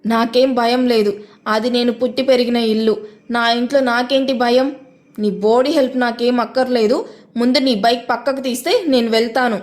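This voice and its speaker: A woman's voice: a little high, steady tone, normal speed, darkish tone, lightly acted. A woman reading an audio story, voicing a distraught young woman who speaks in an anguished, indignant way. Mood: angry.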